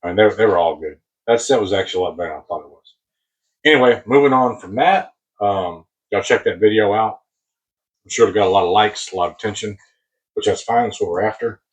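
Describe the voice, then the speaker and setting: An American man rambling casually as he hosts a hobby unboxing video, husky, on a close mic that sounds boomy and muffled, like inside a submarine. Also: fast. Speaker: host of a diecast car collecting channel. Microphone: new mic placed very close.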